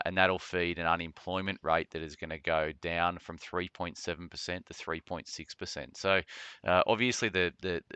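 Australian male market host, bright forceful tone in a dry close recording, halting and full of hesitations. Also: sits low, smooth, no room sound, dull audio. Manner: hesitant, halting delivery with frequent ums. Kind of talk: morning financial market briefing.

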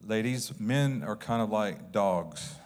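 A male pastor preaching with humor in short phrases, pausing for an interpreter. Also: lowish voice, animated. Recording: long reverb of a large hall.

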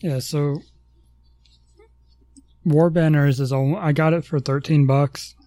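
A man co-hosting a casual podcast chat, low-key and hesitant, with many ums. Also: fairly even intonation, unhurried, dark tone, no room sound. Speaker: podcast co-host.

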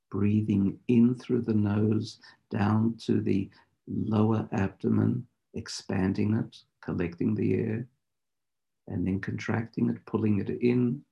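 A man teaching meditation in deliberate, measured phrases, in the instructive style of a spiritual lecture and guided practice. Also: on the low side, fairly even intonation, vocal fry, dark tone, dull audio.

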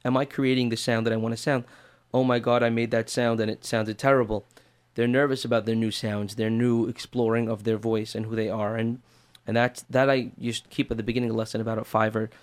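A man's voice: on the low side, flat delivery, fast. A man working as a voice teacher, answering interview questions in an earnest, step-by-step way.

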